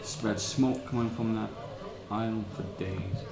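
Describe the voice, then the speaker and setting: A man's voice: lowish voice, steady tone, measured pace, vocal fry. A man voicing a cautious sea captain for hire in a tabletop game, with a Cockney accent and a colloquial, hesitant manner. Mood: recounting rumours. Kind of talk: improvised tabletop role-play. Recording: roomy echo, music underneath.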